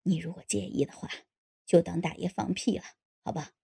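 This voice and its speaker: A woman performs an audiobook character voice: a sly, lecherous man in his late sixties, coaxing and insinuating, sometimes dropping to a hush. She uses a full, low, gravelly voice, speaking fairly quickly with fairly even intonation.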